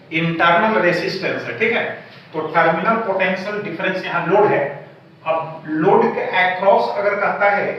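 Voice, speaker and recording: A man with a high voice teaches physics at a board, working through each step and checking in with "okay?" as he goes. He sounds distant from the mic in a very echoey room, and the sound is dull with a faint hiss. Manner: explains step by step, often checking with "theek hai". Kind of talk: whiteboard physics lesson.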